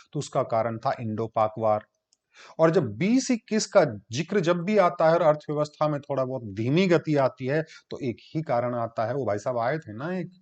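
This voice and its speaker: A man giving a classroom lecture, explaining step by step and answering his own questions. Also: mid-range voice. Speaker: teacher. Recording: dull lo-fi recording.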